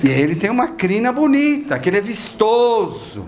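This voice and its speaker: This man's voice is high-pitched and swings widely in pitch, moving at a moderate pace. He's delivering a spiritual talk in a spiritist association's lecture hall, chatting with listeners and asking them questions.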